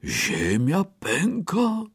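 A huge, lumbering elephant from a storybook, voiced high and slow with alarm, as a man reading the tale puts him on. He drags out his words. The recording is close and dry. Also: very animated, darkish tone, dry recording. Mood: worried. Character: huge sleepy elephant, frightened.

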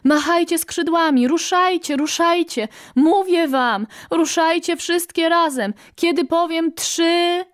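A woman's voice: high-pitched, expressive, normal speed, darkish tone, voice pushed up. A woman voicing a bossy, boastful female quail who gives orders in a storybook reading. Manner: commanding, boastful.

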